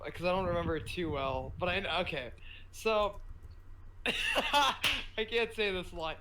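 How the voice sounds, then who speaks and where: High-voiced teen guy telling a rambling story. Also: a little slow, a crowd in the background, rough recording. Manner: rambling, self-interrupting storytelling with frequent laughs. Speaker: podcast co-host. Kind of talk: casual chat.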